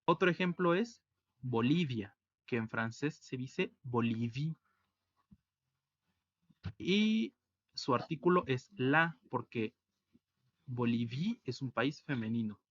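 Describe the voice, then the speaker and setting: A man teaching a French lesson online, explaining slowly and repeating each word. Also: medium pitch, lively intonation, dull audio. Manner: slow, careful explanation, repeating words.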